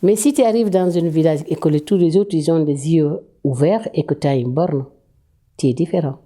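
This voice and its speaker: Very dark, low-voiced woman explaining. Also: normal speed. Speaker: interviewee. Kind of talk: explaining with a parable.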